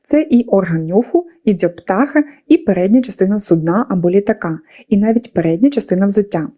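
A woman's voice: mid-range voice, animated, fairly quick, warm tone, husky. A woman teacher narrating a scripted lesson for schoolchildren, explaining patiently and putting questions to her pupils.

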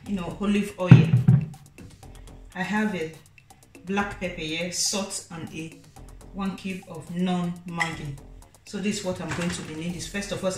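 A woman talking through a home cooking demonstration for her channel, chatty and casual, peppering her talk with "so guys" and "you know". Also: lowish voice. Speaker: cooking vlogger. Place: home kitchen. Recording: echoey room with faint background music.

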